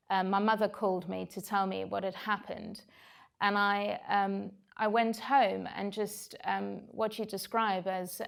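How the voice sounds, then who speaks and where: A South African woman in her forties, with a South African accent and a gravelly mid-range voice, shares her story on stage. Her talk to the audience is candid, personal and reflective, filled with "um" fillers.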